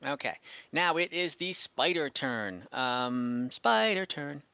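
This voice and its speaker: A game master on an online voice call, speaking from a room, improvises the story of a tabletop game and keeps thinking aloud with hesitation. He talks slowly with lively intonation in a medium-pitched, sharp yet smooth voice, and the audio is muffled and echoey.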